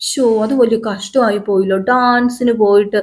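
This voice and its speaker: A woman voicing an excitable young woman who asks quick, high-pitched questions. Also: natural voice. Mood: surprised.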